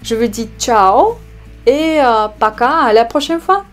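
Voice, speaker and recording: A woman from Russia with a Russian accent, a language teacher explaining words slowly with hesitations and repeated examples. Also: fairly high pitch, expressive, faint music behind. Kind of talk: online language lesson.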